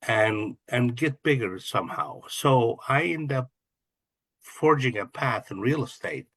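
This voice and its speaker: Middle-aged man from Kuwait, husky low voice, dry close sound, earnest and reflective. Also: animated, measured pace, fairly bright tone, dry recording. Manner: earnest, reflective, lists ideas with repeated restarts. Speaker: guest, real estate investor and coach. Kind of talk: conversational interview answers.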